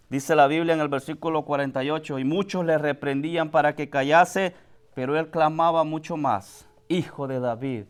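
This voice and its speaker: A man preaching a sermon, speaking to the congregation as brother, swinging from high, loud questions to soft, quiet lines. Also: clear, resonant tone. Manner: addresses the congregation directly as brother.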